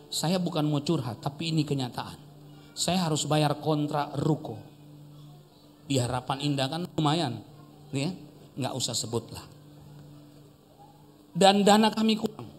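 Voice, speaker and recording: High, lively male preacher in a hall. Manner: animated storytelling with laughter. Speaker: pastor. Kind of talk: sermon. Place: church service in a rented shop-house hall.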